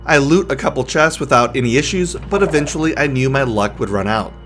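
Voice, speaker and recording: A man's voice: medium pitch, animated, fairly quick. Chatty man narrating his gameplay. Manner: chatty, drops to a hushed whisper when sneaking. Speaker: gaming YouTuber. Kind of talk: casual gameplay commentary and narration. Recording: faint music underneath.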